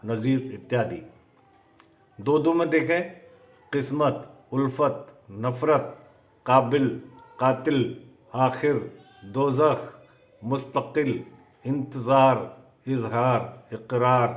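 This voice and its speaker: A man teaching poetic meter in a slow, methodical lesson, dictating word lists. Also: mid-range voice. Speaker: poetry teacher.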